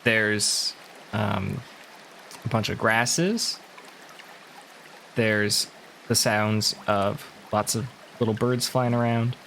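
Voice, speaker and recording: A man's voice: lowish voice, very slow, long pauses, fairly bright tone, slight background noise. A man narrating casually as game master of a tabletop game. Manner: casual, loose narration with fillers.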